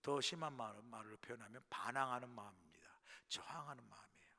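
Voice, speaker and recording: A middle-aged male pastor preaches in a storytelling way, sometimes dropping to a near whisper and sometimes rising to a loud burst. His voice sits at an ordinary male pitch. It rings with the long reverb of a church sanctuary. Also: quick pace. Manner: storytelling, swings between hushed asides and loud bursts. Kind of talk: sermon.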